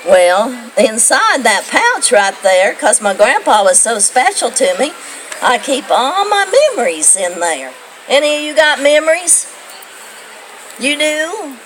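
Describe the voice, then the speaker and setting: Older woman storyteller, folksy and rambling, unhurried, slightly high voice, faint room ambience behind. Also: very animated, slight background noise, poor audio. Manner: rambling, homespun, asks listeners questions. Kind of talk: folksy storytelling to a young audience.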